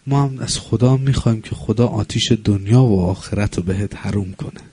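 A man voicing a radiant holy lady in a dream who speaks gently and solemnly. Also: fairly low pitch, slightly rough, no echo. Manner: solemn, blessing tone.

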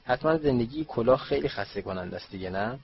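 A man's voice: mid-range voice, animated, gravelly. A man voicing a wry, impatient teenage schoolboy in a storybook reading, on a dull lo-fi recording. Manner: wry, offhand.

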